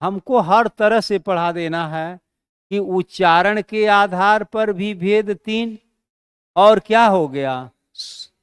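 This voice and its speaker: A man with a high, very clear voice teaches a lesson at an unhurried pace. He keeps asking rhetorical questions and answers them himself, drawing out key terms for emphasis. The sound is close and dry. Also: no echo. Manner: slows down to stress key terms. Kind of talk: classroom lesson.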